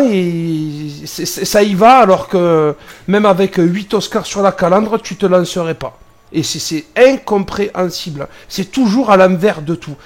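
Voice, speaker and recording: A man driving a truck in France, commenting on the road in a joking, exasperated way. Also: high-pitched. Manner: joking, animated, exasperated at other drivers. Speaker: truck driver. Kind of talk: casual dashcam commentary.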